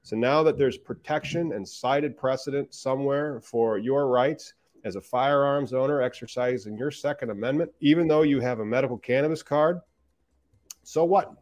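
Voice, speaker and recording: A man's voice: medium pitch, moderate pace, a little mellow. Chatty man explaining the news. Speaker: podcast co-host. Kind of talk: casual chat.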